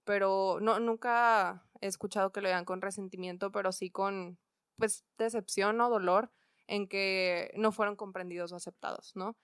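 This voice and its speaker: A woman's voice: mid-range voice, steady tone, normal speed, clean tone, no echo, studio quality. A woman with a Mexican accent, a coach and podcast guest, explaining ideas thoughtfully with frequent fillers. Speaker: guest, work and education coach. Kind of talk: conversational podcast interview.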